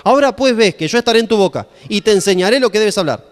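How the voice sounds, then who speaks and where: A man with an Argentine Spanish accent voicing God in a sermon, calm and firm with a light touch of humor. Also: high voice, fast talker, in a large hall. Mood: commanding. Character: God as a patient, firm male voice.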